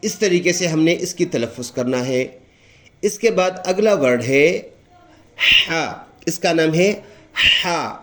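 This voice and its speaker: A man with a Pakistani Urdu accent giving a patient recitation lesson, explaining each letter and repeating it slowly and drawn out. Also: on the high side, animated. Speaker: Quran recitation teacher.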